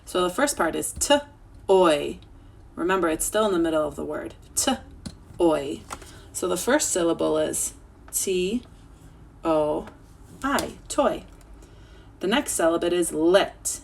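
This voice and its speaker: A woman teaching children an online phonics lesson, sounding out words slowly and clearly. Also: lowish voice, slight background noise.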